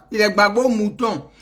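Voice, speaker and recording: A middle-aged woman with an Ivorian French accent, ranting in a casual, teasing way and laughing often. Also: mid-range voice. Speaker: vlogger. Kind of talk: casual mocking rant.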